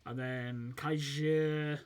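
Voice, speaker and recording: A young British gaming channel host, a bit sniffly from a fading cold, casually commentates his football management game and thinks aloud with lots of fillers. His fairly high, clean voice is fairly even in intonation and extremely slow.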